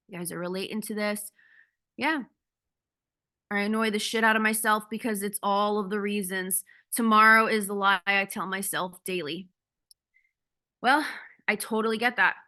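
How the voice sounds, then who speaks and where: A woman's voice: medium pitch, steady tone, measured pace, pauses often, pushed and bright. A woman coach giving a casual, candid talk on a video call, blunt and swearing freely. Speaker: ADHD coach.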